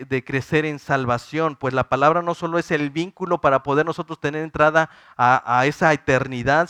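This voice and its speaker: A man's voice: fairly high pitch, pushed and bright, clean tone, no echo, clean studio sound. A man in his thirties with a Mexican Spanish accent, preaching a sermon in an earnest, pleading way to his congregation. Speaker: pastor.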